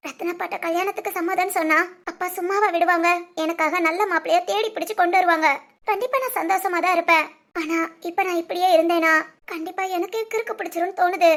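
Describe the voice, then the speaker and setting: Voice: very high-pitched, fairly bright tone. A performer voicing a tearful young woman in a cartoon, a devoted younger sister who pleads emotionally and insists on her choice. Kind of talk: cartoon voice acting.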